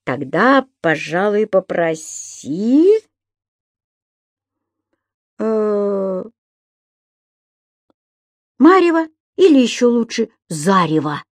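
A woman voicing a cheeky magical creature who explains things in a lively, knowing way. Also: mid-range voice, very slow, long pauses, no room sound, studio quality. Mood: playful.

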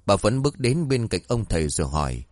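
A man narrating a serialized story in an expressive, dramatic way. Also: lowish voice, brisk, no echo.

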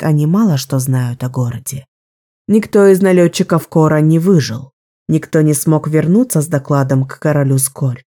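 A young sorceress plotting her next move, voiced by a woman reading an audiobook. Her voice sits low and mellow, calm and measured. She speaks with quiet decisiveness. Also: close to an everyday voice. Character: resolute young female sorceress, strategist.

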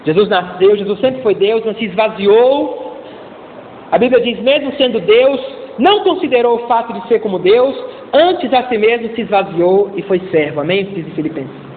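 A man's voice: sits high, lively intonation, moderate pace, a little hiss or hum. A man, preaching a conversational sermon as a pastor, calling out to the congregation and acting out little scenes in different voices. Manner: conversational preaching with acted-out voices and call-and-response. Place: church. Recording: echoey church hall over a tinny line.

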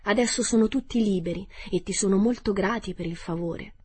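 A woman voicing a small, wrinkled old good witch who speaks gently and calmly, read as a character in an audiobook. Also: medium pitch, brisk, slightly rough, no echo. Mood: gentle. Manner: gentle, soft-spoken and composed.

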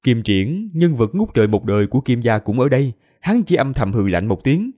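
A man narrating a fantasy audiobook in an expressive storytelling manner. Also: medium pitch, brisk. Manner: expressive storytelling, voices all characters.

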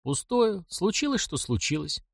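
Calm sad bearded peasant guy, low soothing voice, dry close sound , voiced by a male reader. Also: normal speed, vocal fry, husky, dry recording, heavily acted. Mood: quiet.

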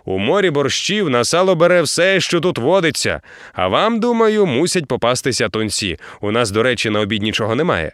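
A man voicing a boisterous, greedy old sea captain who booms out hearty commands in an audiobook. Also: very animated, a little fast, fairly bright tone, dry recording, clean studio sound. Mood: coaxing. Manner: booming, hearty, bellowing commands.

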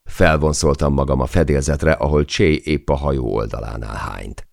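Narrating an audiobook, a man tells the story in a measured, dramatic way. His extremely low voice has a gravelly texture, recorded dry and close with no room sound.

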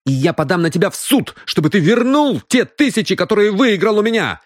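A man's voice: high-pitched, sing-song, slow, breathy edge, dry recording, clean studio sound, pitched above the performer's own voice, full character voice. A man voicing an angry, hot-tempered young lord who bursts out indignantly.

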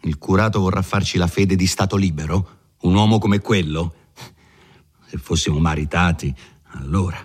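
A man's voice: sits low, moderate pace, breathy edge. A man reading the part of a hot-tempered, desperate young village groom who speaks in vehement outbursts, in an audiobook of a classic novel. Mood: despairing.

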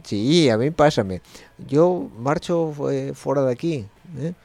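A man's voice: medium pitch, lively intonation, slow pace, darkish tone, no room sound. A man with an Asturian accent hosting a late-night community radio show, musing in a rambling way with slightly slurred speech and a frequent questioning tag. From Asturias, Spain.

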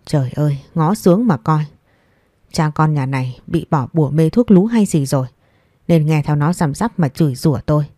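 A woman's voice: low voice, moderate pace, dark tone, no room sound, studio quality. A woman voicing a stingy old mother-in-law who nags and scolds harshly. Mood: wailing. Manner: harsh, nagging, contemptuous.

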